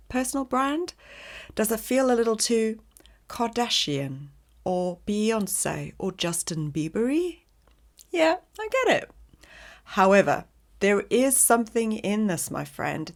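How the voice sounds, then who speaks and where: A middle-aged woman hosts a solo podcast, speaking to the listener like a coach. She talks slowly, with a lively pitch that rises and falls. There is some vocal fry in her voice. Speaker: podcast host, brand strategist. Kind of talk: scripted solo podcast monologue.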